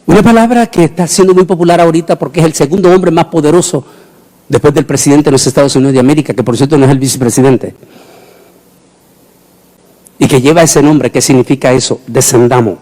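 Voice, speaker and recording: A middle-aged man, preaching a sermon emphatically and rising into shouted proclamations. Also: fairly high pitch, fast talker.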